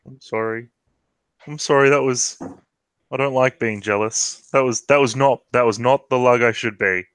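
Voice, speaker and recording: Man putting on a big booming jealous brute. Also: normal speed, clean tone, no echo, lightly acted. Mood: apologetic. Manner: loud and needy, apologetic.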